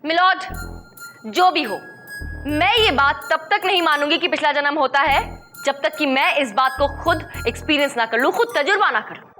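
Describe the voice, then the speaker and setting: High-voiced stubborn woman in a sitcom courtroom. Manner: argumentative, emphatic. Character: stubborn, sceptical woman arguing in a comic courtroom. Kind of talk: broad television sitcom acting. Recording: music playing behind the voice.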